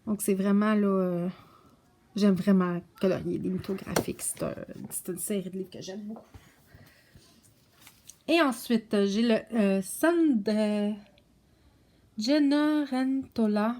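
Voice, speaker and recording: A woman casually showing her coloring books, soft-spoken and stumbling over English titles. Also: mid-range voice, unhurried. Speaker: coloring book vlogger. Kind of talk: casual show-and-tell chat.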